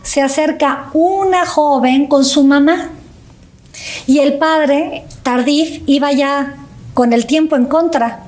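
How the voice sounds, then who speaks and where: High-voiced woman telling a story. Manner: animated storyteller, acts out quoted voices. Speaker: host. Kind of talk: casual faith chat, storytelling.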